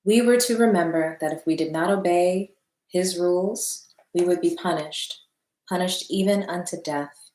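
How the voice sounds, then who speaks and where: A woman with a somewhat low voice reads a book aloud in a room at home. She sighs often and breaks off to chat casually with her viewers. The room gives her voice a noticeable echo. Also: normal speed, a little mellow. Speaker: book reader and commentator. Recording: roomy echo.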